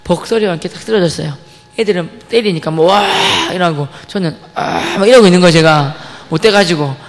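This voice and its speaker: A young Korean man tells his testimony to a church congregation. He has a fairly high voice, acts out the dialogue in his story, and keeps throwing questions back at his listeners, while his words ring out with a long church-hall reverb. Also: fast. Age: young adult. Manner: animated storytelling, acting out quotes, asking the congregation questions. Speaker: testimony speaker at a church service. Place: church sanctuary.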